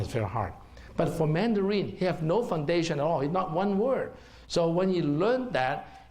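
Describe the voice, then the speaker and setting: A middle-aged man with a Hong Kong accent speaks in a mid-range, slightly mellow voice. He's a herbal doctor giving a talk in a seminar room, explaining things to the audience and checking in with "okay?".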